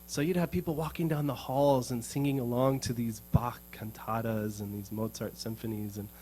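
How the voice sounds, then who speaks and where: Between songs in a music showroom, an American guitarist tells a casual, meandering story to his audience, earnest and repeating words as he thinks. His mid-range voice is steady, dark and at normal speed, with poor audio and slight background noise.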